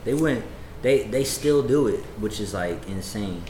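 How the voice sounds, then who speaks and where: A man's voice: lowish voice, animated, measured pace, a little mellow. A man hosting a casual show, laid-back and joking, with slangy talk full of swearing and "bro". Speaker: podcast host. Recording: echoey room, clear background noise.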